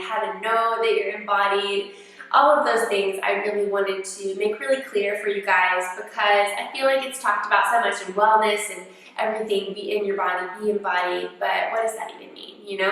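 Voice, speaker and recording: A young woman with a sick, hoarse voice, a dance teacher talking earnestly to her channel viewers. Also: medium pitch, fairly bright tone. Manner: earnest, repeats key phrases, calls viewers babes. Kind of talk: casual talk to camera. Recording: echoey room, a bit far from mic.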